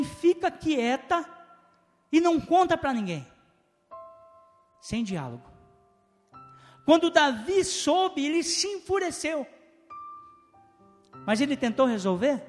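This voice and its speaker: High-voiced Brazilian pastor preaching in a hall. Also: male voice. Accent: Brazilian Portuguese. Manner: animated preaching with rhetorical questions and call-and-response. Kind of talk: sermon. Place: church hall.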